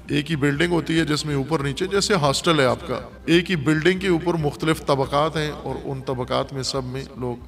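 A man's voice: on the high side, vocal fry. A man giving an emphatic moral lecture to students and driving his points home with rhetorical questions. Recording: long hall reverb, faint music behind.

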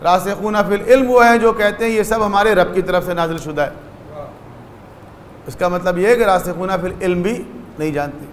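High-voiced man lecturing in a hall. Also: a little hiss or hum. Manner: explanatory, acts out short dialogues in stories. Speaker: religious lecturer. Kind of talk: religious lecture.

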